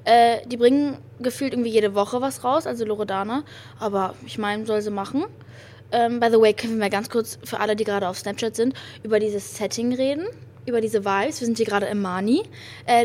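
A young German woman hosting a podcast in casual slang sprinkled with English, gushing with giddy, girlish excitement. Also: fairly high pitch, fairly quick. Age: young adult. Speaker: podcast host. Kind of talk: casual chatty pop-music podcast with youth slang and English phrases. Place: hotel lobby. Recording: clearly noisy room ambience.

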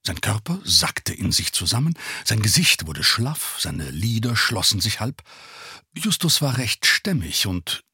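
A man narrating an audiobook in a recording studio, reading in a very animated, dramatic way. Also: fairly low pitch, a little slow, breathy edge, no echo.

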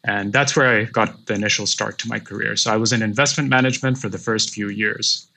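A man in his thirties from Pakistan, a podcast guest, talking about his path in a reflective, measured way. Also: lowish voice, steady tone, gravelly, bright, forceful tone. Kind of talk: casual interview.

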